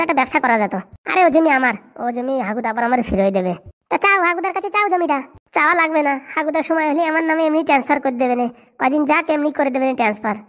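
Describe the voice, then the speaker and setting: A squabbling household of rural cartoon characters, all voiced by one woman, trading rustic banter, teasing and scolding. The voices sit high and race along at a breakneck clip. It sounds like a comic cartoon sketch. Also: close to an everyday voice. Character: bickering rural cartoon family members, boisterous.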